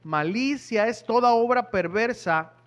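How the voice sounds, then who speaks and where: High-voiced preacher man. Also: measured pace. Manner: conversational, asks the congregation questions. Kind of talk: sermon. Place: church.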